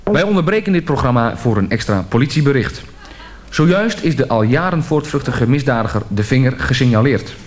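A man's voice: medium pitch, animated, brisk, a little hiss or hum. A man playing a radio announcer, reading an official police bulletin in a stiff manner. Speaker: mock news announcer.

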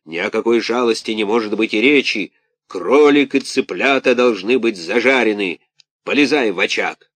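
A man playing a burly bearded puppet master from a fairy tale, bad-tempered and loud. He barks his words slowly and heavily. The recording is close and dry. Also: fairly low pitch, animated, no echo. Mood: angry shouting. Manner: loud, slow, barking shouts.

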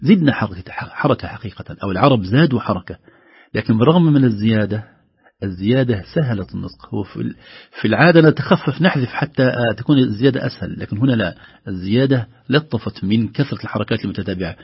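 A middle-aged man teaches Quran recitation rules in a patient, explanatory way. His voice is somewhat low and husky, and he slows down and rises to demonstrate recited words. The recording is dull and dry. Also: expressive, no echo.

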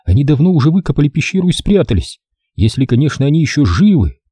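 A man's voice: very animated, fast talker, warm tone, breathy edge, no echo. Man putting on a cross sleepy young girl. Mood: despairing. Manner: high, petulant and sleepy.

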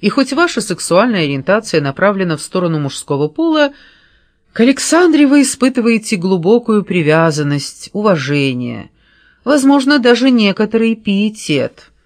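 Detective role done by the reader: a pushy, sharp-witted man who grills a suspect with sarcasm, in a dry, slightly high voice. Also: big pitch swings, normal speed, no echo. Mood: pressing. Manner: pressing, sarcastic interrogating.

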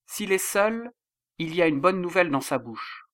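A man's voice: high-pitched, lively intonation, moderate pace, fairly bright tone, no echo, clean studio sound, voice pushed up. A man voicing a grieving old king who laments his son in a raised voice. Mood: anxious, regal.

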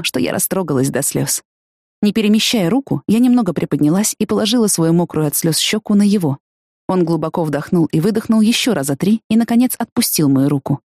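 A woman reading a first-person novel aloud, expressive and lifting her voice for lively quotes. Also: on the low side, no room sound, studio quality. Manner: expressive, lifts voice for excited quotes. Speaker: audiobook narrator.

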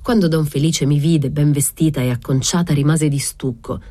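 A woman narrating a literary novel aloud in a measured, reflective way. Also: low voice, fairly even intonation, mellow, dry recording. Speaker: audiobook reader.

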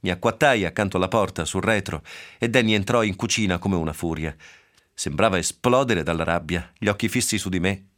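Deep-voiced man reading a novel on radio. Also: fairly quick, fairly bright tone. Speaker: reader. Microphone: radio studio microphone.

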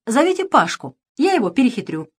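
A woman voicing a scheming, bossy pirate queen in an audiobook, sharp and commanding, turning sugary when she flatters. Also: high voice, a little fast, slightly rough, pitched above the performer's own voice, full character voice. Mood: domineering. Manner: bossy, sharp, feigning sweetness. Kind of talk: audiobook character reading.

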